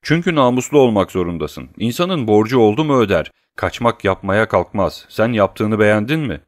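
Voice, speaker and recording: A man reading an audiobook, voicing a coarse, bullying male swindler who rants and hurls insults loudly. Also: lowish voice, lively intonation, moderate pace, no echo, clean studio sound, natural voice. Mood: sneering. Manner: loud, abusive ranting.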